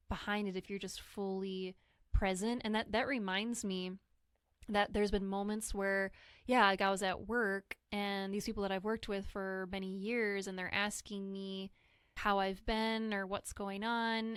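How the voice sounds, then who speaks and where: In a studio-quality podcast recording with no echo, a woman speaks in a clear, resonant, fairly bright mid-range voice. As a guest sharing her experience of grief, she talks candidly and reflectively, earnest throughout, sometimes acting out what others said to her.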